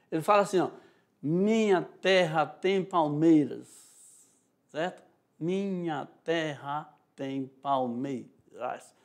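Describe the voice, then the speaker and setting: A male teacher with a Brazilian Portuguese accent explaining a lesson, checking in often with "tá?" and "né?". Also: high voice. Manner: explanatory, frequent "tá?" and "né?" check-ins, demonstrates rhythms aloud. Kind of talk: recorded online class lecture.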